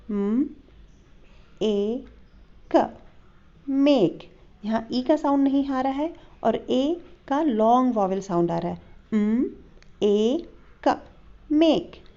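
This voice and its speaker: Slow-spoken woman teaching phonics. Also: high voice, dark tone. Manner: spells words out letter by letter and sounds them out. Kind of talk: slow explanatory phonics lesson. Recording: dull lo-fi recording.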